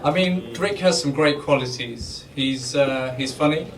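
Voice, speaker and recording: A man's voice: mid-range voice, measured pace. Man giving a distant, noisy wedding toast. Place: wedding reception, speaking to guests. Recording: distant mic, clear background noise.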